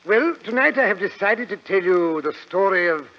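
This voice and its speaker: A man's voice: high-pitched, lively intonation, normal speed. A man playing a genial, bumbling British doctor in a 1940s radio drama, fussy and a little hesitant. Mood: genial storytelling. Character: genial, bumbling older English doctor and storyteller. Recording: dull, hissy old radio recording.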